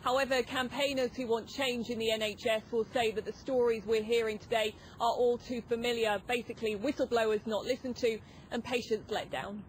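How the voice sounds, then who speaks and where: Female reporter, higher-pitched voice, live field report, outdoors, background ambience. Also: steady tone, fairly quick, poor audio. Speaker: news reporter. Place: outside a hospital. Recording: outdoor ambient noise behind.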